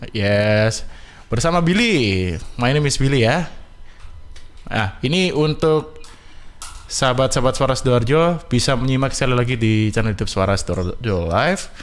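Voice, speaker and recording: A male radio host with a medium-pitched, animated voice talks at a moderate pace in a radio studio. He's hosting a bilingual talk show, chatting away and switching between Indonesian and simple English.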